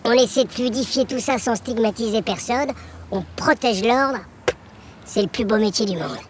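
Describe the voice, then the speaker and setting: A man playing a bossy young municipal cop whose voice is digitally pitched up by a voice changer, barking orders at people on the sidewalk. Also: moderate pace. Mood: officious. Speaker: municipal police officer. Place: city sidewalk outdoors. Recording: street noise and traffic outdoors.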